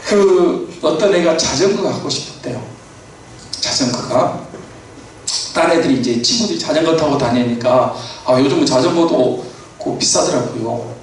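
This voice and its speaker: Male pastor, slightly high voice, casual sermon delivery; recorded from a distance with faint hiss. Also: moderate pace. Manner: conversational preaching with frequent fillers and affirmations. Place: church sanctuary. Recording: echoey church hall from far off.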